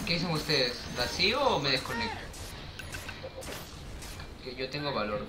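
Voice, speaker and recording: A man giving excitable, cursing gameplay commentary with loud outbursts. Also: medium pitch, moderate pace, noisy background. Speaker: gamer. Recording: roomy with game music behind. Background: game music and sounds.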